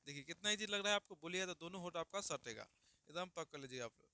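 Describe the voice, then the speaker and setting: A man gives a grammar lesson in a clear, resonant voice with a fairly high pitch. He asks a question, answers it himself, then sounds out each letter slowly for the class to repeat. The recording is dry and close. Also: animated, sharp tone, dry recording. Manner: repeats questions and answers them himself, calls listeners "babu". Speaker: teacher.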